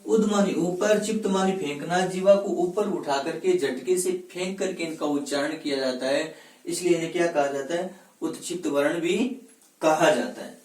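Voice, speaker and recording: A man teaching Hindi grammar in a classroom-style lecture. He asks questions and answers them himself, and he sounds out letters slowly one at a time. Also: high voice, darkish tone. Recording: echoey room, voice from a distance.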